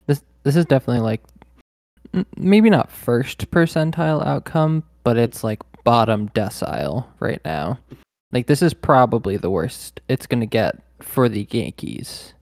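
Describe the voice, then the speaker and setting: A man's voice: mid-range voice, lively intonation, unhurried, a little mellow, no room sound. An easygoing man hosts a sports podcast in a dry, close-miked sound. He laughs often and restarts his sentences. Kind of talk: casual sports chat.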